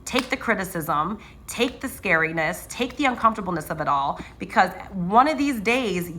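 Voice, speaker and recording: A woman, a nurse anesthetist, giving casual motivational advice to students, telling stories with lots of fillers and asking "right?". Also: mid-range voice. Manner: animated storytelling, frequent fillers and "right?". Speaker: nurse anesthetist and channel host.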